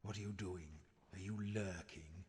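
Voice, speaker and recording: A man's voice: low-pitched, steady tone, moderate pace, over loud music, lightly acted. A man playing a sardonic, impatient dungeon master in a video game, speaking in a theatrical, condescending way. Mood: dry, impatient. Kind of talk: video game character acting.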